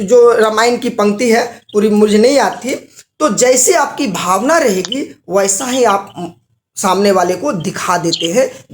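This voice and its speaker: A motivational business trainer speaks at a live seminar in a very high, reverberant voice. He quizzes the audience with rhetorical questions and tells stories with acted-out examples.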